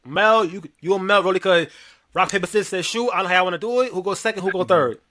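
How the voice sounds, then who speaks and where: A man's voice: sits high, fast, bright, forceful tone. A man co-hosting a casual podcast chat, explaining a game loosely and repeating himself as he goes. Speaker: podcast host.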